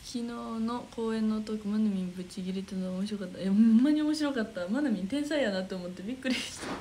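A woman's voice: mid-range voice, fast, dark tone, poor audio. A young woman with a Kansai accent chatting casually on a livestream, reading viewer comments aloud, giggling often and muttering to herself while she searches for the next one. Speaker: idol livestream host.

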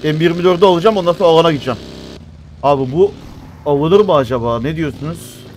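A man in his thirties giving animated gameplay commentary, cursing and complaining at teammates as he plays. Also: a little high, fast, slight background noise. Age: 30s. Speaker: mobile game streamer.

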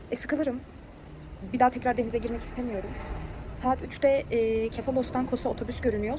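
A woman vlogging about a trip, telling a mishap story in a lively way and acting out what people said. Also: on the high side, slight background noise. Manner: animated, tells a mishap story with quoted dialogue. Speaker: travel vlogger. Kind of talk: casual travel vlog storytelling.

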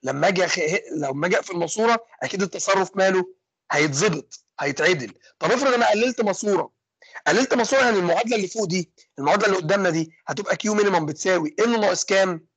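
A young man with an Egyptian accent teaching an engineering class online. He talks fast and keeps asking questions and then answering them himself. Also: high voice, fairly bright tone, breathy edge, dry recording. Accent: Egyptian Arabic. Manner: fast, asks and answers his own questions. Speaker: engineering lecturer. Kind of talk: online lecture with student questions.

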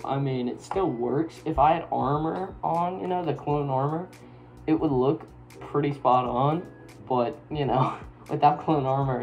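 A man's voice: mid-range voice, creaky, darkish tone, rough recording. A young man reviewing a product in a casual vlog, talking from inside a helmet and rambling with plenty of fillers. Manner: enthusiastic, rambling, many fillers. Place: indoors at a work table.

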